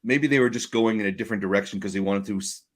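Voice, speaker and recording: A man co-hosting a casual podcast discussion, retelling scenes with lively quoted voices. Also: lowish voice, rapid-fire. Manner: animated storyteller, acts out scenes in quoted voices. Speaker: podcast co-host. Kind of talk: casual chat.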